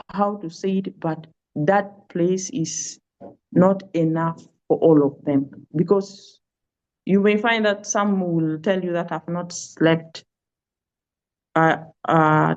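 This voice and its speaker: Woman from south sudan, slow and halting, lots of uh, muffled webinar sound. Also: low-pitched, darkish tone. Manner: hesitant, searching for words with many fillers. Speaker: pastoral care and trauma healing worker. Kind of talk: webinar interview answers. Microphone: video call. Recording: dull lo-fi call audio.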